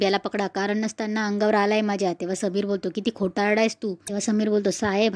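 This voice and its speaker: A woman casually retells a TV serial episode, quoting every character's lines in her own voice. Her delivery stays flat and even, with little rise and fall. The recording is dry and close, with no room sound. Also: mid-range voice, no room sound. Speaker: storyteller recapping a serial episode. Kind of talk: casual spoken recap with quoted dialogue.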